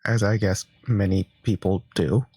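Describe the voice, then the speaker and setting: A man's voice: fairly low pitch, fairly even intonation, unhurried, mellow, breathy edge, no echo. A man giving joking, casual reaction commentary as an online video host. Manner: joking, wisecracking.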